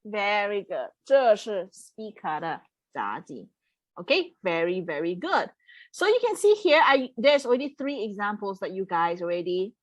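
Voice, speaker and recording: Brief: woman language tutor on a video call, slow and patient, lively pitch, dry close sound. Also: no echo. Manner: patient, repeats words and checks with "okay?". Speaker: online Mandarin tutor. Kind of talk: live online language lesson.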